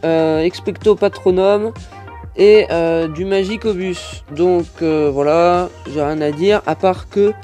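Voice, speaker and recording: Man, French accent, toy review, slow and hesitant, mellow voice. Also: high voice, faint music behind. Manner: hesitant, many fillers, chatty detail.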